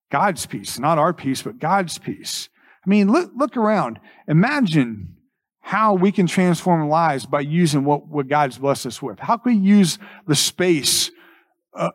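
A man with a somewhat high voice delivers a church sermon. He exhorts his congregation earnestly, repeating key phrases and pausing deliberately for emphasis. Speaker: pastor.

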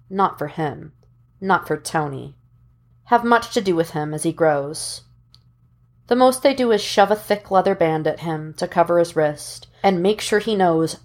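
With a lowish voice, a woman narrates fan fiction audiobook-style, pacing her phrases deliberately and letting dramatic pauses hang.

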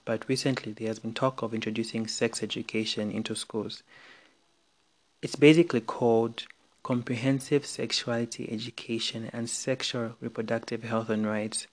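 A young man from Zambia with a Zambian English accent, hosting an opinion podcast in an earnest, frank, scripted monologue. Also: medium pitch. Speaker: podcast host.

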